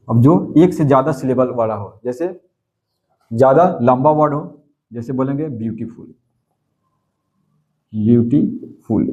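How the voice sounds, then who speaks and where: A man's voice: medium pitch, dark tone. A man teaching a grammar class in a coaching centre. He speaks, repeats each key word and asks questions that he then answers himself.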